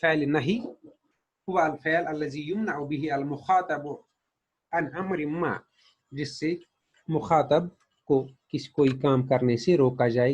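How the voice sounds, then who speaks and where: Man w teaching grammar, husky voice, kinda dull lo-fi sound. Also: medium pitch, darkish tone. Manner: patient, repeats each example, then translates it. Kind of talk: explaining a lesson.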